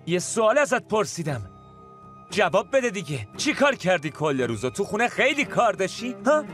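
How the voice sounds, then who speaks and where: A bitter young husband, sarcastic and accusing, whose high, lively voice jumps around as he fires question after question. Soft music plays underneath. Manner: sarcastic, accusing, rapid-fire rhetorical questions. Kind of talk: Persian dub of a TV drama.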